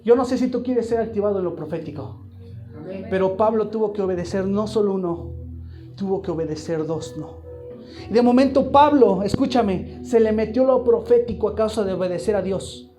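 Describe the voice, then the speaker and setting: A man's voice: sits high, moderate pace, warm tone, soft background music. A man preaching a live sermon to a congregation, emphatic and throwing repeated questions at the room. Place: church hall, live congregation.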